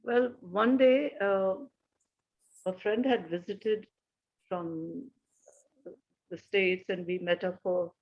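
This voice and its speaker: An older woman with an Indian English accent tells a personal anecdote, pausing often and restarting her sentences. Her voice comes through a slightly muffled recording. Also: mid-range voice, steady tone. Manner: halting, anecdotal, frequent pauses and restarts. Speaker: guest. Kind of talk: casual storytelling conversation.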